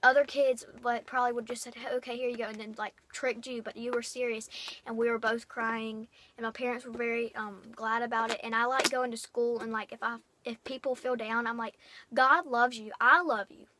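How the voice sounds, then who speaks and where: A young woman giving an unplanned devotional talk on her vlog, rambling and halting in an earnest way. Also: fairly high pitch, flat delivery, a bit bright, slight background noise. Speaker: vlogger.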